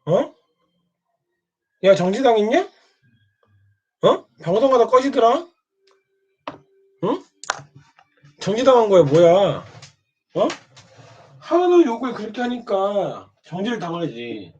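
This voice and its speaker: A man's voice: high-pitched, huge pitch swings, slow pace, pauses often, a little mellow, slightly rough. A man taunting and scolding another streamer in a mocking monologue, prodding again and again with short questions. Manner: needling, keeps prodding with "eh?". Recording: dull lo-fi sound.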